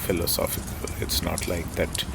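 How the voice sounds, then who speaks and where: A man with a very low, creaky voice speaks in a pensive, reflective way. He goes slowly, in short broken phrases, with clear background noise around him. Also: little pitch movement. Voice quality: deep, gravelly. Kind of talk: slow reflective spoken musing. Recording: clearly noisy ambient background.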